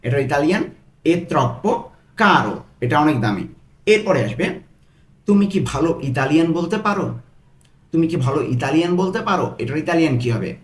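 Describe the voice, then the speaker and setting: A man teaching Italian phrases, repeating each slowly, word by word. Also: on the high side, roomy sound. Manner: slow, broken-down repetition of phrases. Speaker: language tutor. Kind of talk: Italian lesson taught in Bengali.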